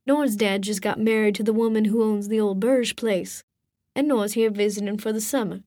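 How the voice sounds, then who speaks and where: A woman's voice: medium pitch, steady tone, a little fast, mellow, no echo, studio quality, lightly acted. A woman reading an audiobook, voicing an easygoing, friendly young man. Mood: casual. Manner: casual, easygoing. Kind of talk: audiobook character voice.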